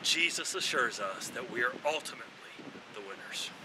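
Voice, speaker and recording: A man's voice: mid-range voice, expressive, brisk, echoey room, distant mic, heavy background noise. A man, a pastor, giving a short, easygoing sermon message outdoors. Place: outdoors on a porch or dock.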